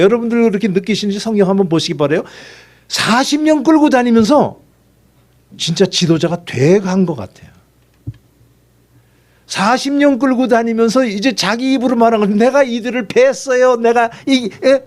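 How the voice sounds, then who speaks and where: A male pastor preaches in a conversational, storytelling manner and keeps slipping into acted dialogue. His voice sits high, and his pitch moves in lively swings. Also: moderate pace. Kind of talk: sermon.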